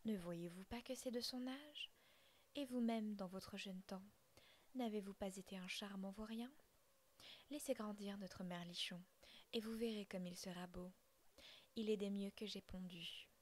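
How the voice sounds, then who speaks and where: A woman voicing a gentle mother blackbird in a whispered role-play, coaxing and soothing. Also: medium pitch, a little slow, close to an everyday voice.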